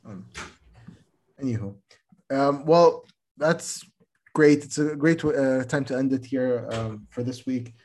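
A young man co-hosting a casual podcast at an ordinary male pitch. He talks in a laid-back way, full of restarts, and keeps calling his co-host "bro". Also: slow pace, long pauses, a little mellow. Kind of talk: casual chat.

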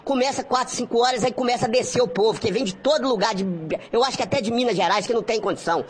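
A man's voice: very high-pitched, racing, slight background noise. A man speaking as an anonymous local resident, his voice altered by a voice changer to hide his identity, listing his complaints in an agitated way. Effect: voice-changer distortion to hide identity. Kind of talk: anonymous complaint in a radio report.

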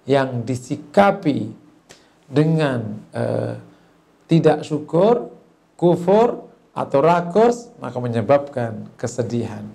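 Gravelly man preaching. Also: a little mellow. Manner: acts out children and a grandmother in squeaky raised voices. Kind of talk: sermon with told stories. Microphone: voice message recording.

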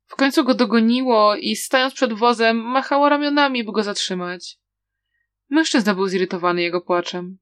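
A woman's voice: a little high, normal speed, clean tone, dry recording. Woman reading a story, dry close sound. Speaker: audiobook reader. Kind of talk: storybook narration.

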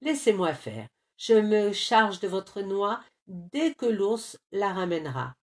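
A woman voicing a prim female magpie who calmly scolds the others, in a storybook reading. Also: medium pitch, slow.

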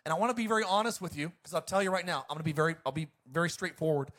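A man's voice: fairly high pitch, racing. A male pastor preaching an emphatic sermon to his congregation. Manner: emphatic, preacherly, swings between loud and quiet.

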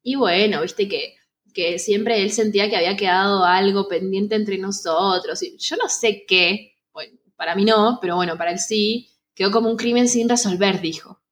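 A woman's voice: medium pitch, normal speed. A young woman with an Argentine accent co-hosting a podcast, chatting casually and telling stories with quoted dialogue. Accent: Argentine Spanish. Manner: animated storytelling, quoting others. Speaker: podcast co-host. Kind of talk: casual chat.

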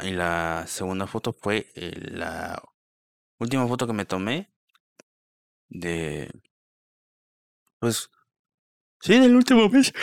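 A man's voice: low voice, creaky, a bit bright, dry recording, studio quality. A young man talking casually on his own podcast, rambling with many fillers and restarts. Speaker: podcast host. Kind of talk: casual solo podcast talk.

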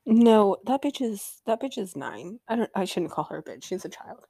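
A young woman recaps a TV episode in a loose, chatty way, often swearing and trailing off. Her voice has a gravelly fry to it. The recording is dry and close. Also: medium pitch, big pitch swings, moderate pace, warm tone, no echo. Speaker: recap show host.

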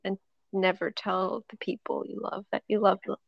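Woman, podcast host, deadpan and sarcastic, gravelly voice, dry dull recording. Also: medium pitch, moderate pace, no room sound. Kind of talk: casual chat.

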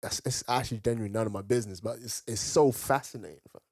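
A young man with an urban London roadman accent, telling stories in casual, slangy banter with animated reactions and repeated phrases. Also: lowish voice, very fast, no room sound, clean studio sound. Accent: London, urban roadman slang style. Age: young adult.

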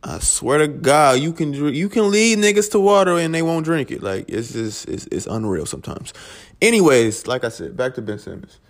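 A young man talks casually into his podcast mic at home, his pitch swinging up and down as he goes. He swears freely and rambles, stopping and restarting his sentences. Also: expressive, normal speed. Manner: loose, profane, rambling with restarts. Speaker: podcast host. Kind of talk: casual solo podcast talk.

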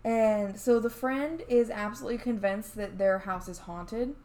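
A woman's voice: a little high, moderate pace, a little mellow, a little hiss or hum. Chatty woman telling a story casually. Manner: chatty, many fillers and restarts. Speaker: podcast co-host.

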